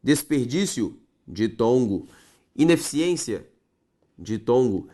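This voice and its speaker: A man's voice: mid-range voice, sing-song, takes it slowly, mellow. A man teaching a grammar lesson for exam prep, stretching out syllables and asking himself rhetorical questions.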